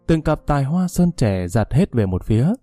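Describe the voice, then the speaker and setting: A man narrates a dramatic story in a measured voice that is warm and mellow. The recording is dry and close. Faint music plays underneath. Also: medium pitch, big pitch swings, dry recording.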